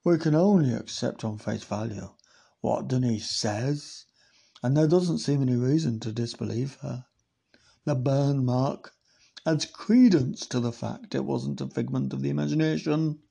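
Guy with a husky gravelly voice reading old files out loud, chatty, keeps correcting himself. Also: medium pitch, measured pace. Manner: casual, self-correcting, wry asides. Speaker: podcast host. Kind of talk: reading archive files aloud with chatty commentary.

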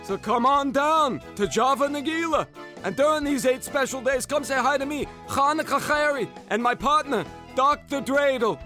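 A man playing a showy coffee shop owner who pitches a holiday deal in a radio ad, full of puns and mock curses. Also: normal speed, sharp tone. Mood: salesy. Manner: showy, pun-filled salesman shtick with Yiddish curses. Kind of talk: radio ad spot. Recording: ad read over music.

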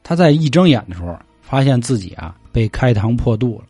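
A man telling an old myth like a casual chat, slangy and peppered with swearing. His voice sits at a middle pitch and sounds close and dry. Faint music plays underneath. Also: big pitch swings, fairly quick, mellow, breathy edge, no echo. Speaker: storyteller.

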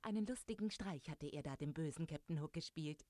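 A woman reading a children's adventure story aloud, lively and speaking directly to young listeners. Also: low voice, a little fast, no echo.

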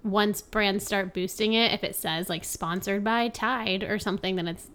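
Casting note: woman co-host, upbeat casual chatter, mid pitch. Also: steady tone, normal speed, fairly bright tone. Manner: chatty, upbeat, uses "like" often. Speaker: podcast co-host. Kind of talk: casual podcast chat.

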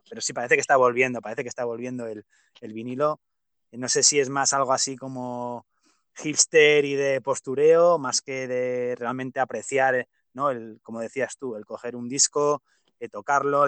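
Hosting a casual interview podcast, this man from Pamplona, Spain, hesitates a lot, leans on fillers, and shares strong opinions. The recording is dry, and his medium-pitched voice sounds clean and fairly bright.

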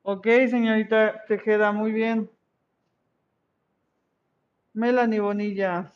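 A woman's voice: medium pitch, little pitch movement, takes it slowly, smooth. Encouraging woman teacher, lo-fi audio. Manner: encouraging, checks with "¿vale?". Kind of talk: online class.

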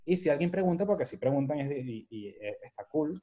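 Venezuelan man with a mellow voice. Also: fairly high pitch, a little fast. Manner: animated storyteller who acts out quoted dialogue. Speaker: guest photographer. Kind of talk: casual interview conversation.

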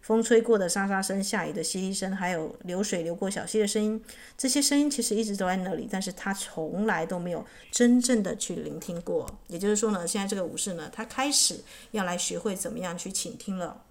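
A woman telling a story and adding spiritual commentary, trailing her sentences with drawn-out particles. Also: medium pitch, darkish tone.

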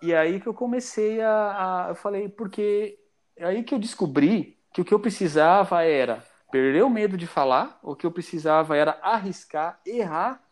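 As a podcast guest, a Brazilian man with a high-pitched voice chats casually at a moderate pace. He rambles and often restarts his sentences.

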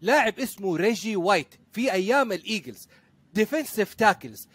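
A man, co-hosting a sports podcast, arguing excitedly and restarting his sentences. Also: high-pitched, fast, breathy edge, dry recording. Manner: excitable, argumentative, trails off and restarts. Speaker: podcast co-host. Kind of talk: heated casual sports debate.

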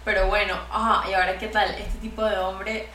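A young woman co-hosting a casual podcast chat, with quick wry asides. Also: mid-range voice, flat delivery, pushed and bright, recorded from a distance, slight background noise. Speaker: podcast co-host. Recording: echoey room, off-mic.

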